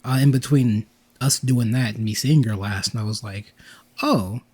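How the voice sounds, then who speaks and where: A man's voice: medium pitch, normal speed, darkish tone, slightly rough. A man co-hosting a podcast, telling a rambling story in casual chat and acting out what people said. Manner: rambling storyteller, acts out quotes. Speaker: podcast co-host.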